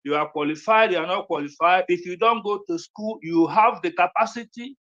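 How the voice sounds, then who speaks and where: A man's voice: sits high, fairly quick, fairly bright tone, lo-fi sound. A man giving an earnest, sermon-like address to a gathering. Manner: earnest, preaching cadence.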